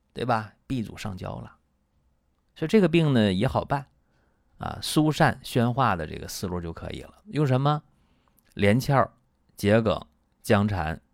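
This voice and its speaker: A man's voice: on the low side, no echo, studio quality. A middle-aged man, a traditional Chinese medicine doctor, lecturing on patient cases in a chatty storytelling manner with frequent rhetorical asides. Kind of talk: lecture on case studies.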